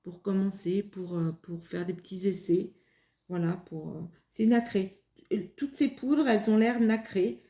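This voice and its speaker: Woman doing a craft demo, slow and halting, echoey room. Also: medium pitch, dark tone. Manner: hesitant, many fillers and restarts. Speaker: craft video host. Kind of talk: casual craft demonstration.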